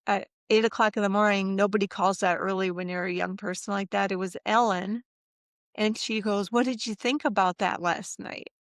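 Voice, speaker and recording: A middle-aged woman with a gravelly, fry-touched voice tells a personal story in a relaxed interview. She is animated, breaking into the voices of the people she quotes. The recording is close and dry. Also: mid-range voice, no echo. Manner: animated, acts out quoted voices, laughs often. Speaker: interview guest.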